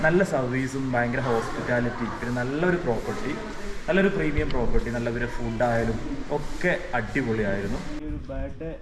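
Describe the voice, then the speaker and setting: A man's voice: mid-range voice, a little fast. Malayali man mixing English, echoey noisy recording. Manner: Malayalam mixed with many English words. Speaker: travel vlogger reviewing a resort. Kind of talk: casual vlog narration to viewers. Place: on location around a resort, rooms and rooftop. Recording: echoey, clearly noisy location sound.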